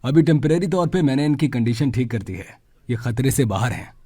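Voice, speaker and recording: Man voicing a calm, self-assured young healer. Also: mid-range voice, brisk, breathy edge, no echo, clean studio sound, lightly acted. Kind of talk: Hindi dub of a drama series.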